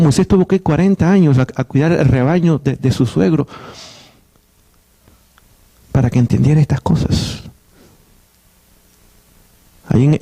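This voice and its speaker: A man's voice: fairly high pitch, warm tone. A middle-aged man preaching a sermon as pastor, earnest, often repeating and restarting words.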